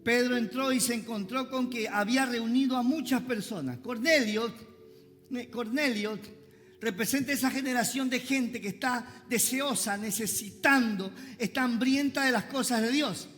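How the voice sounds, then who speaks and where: A man preaching a sermon in a church. He jokes with the congregation, has them repeat phrases after him, and swings between loud outbursts and quiet asides. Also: extremely high pitch, normal speed, long reverb tail. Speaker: pastor.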